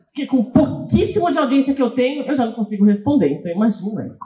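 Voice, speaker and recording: Lively São woman guest who acts out her own quotes, high-voiced, in a roomy studio. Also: fast talker. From Brazil, São Paulo. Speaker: guest, course creator. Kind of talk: podcast interview storytelling.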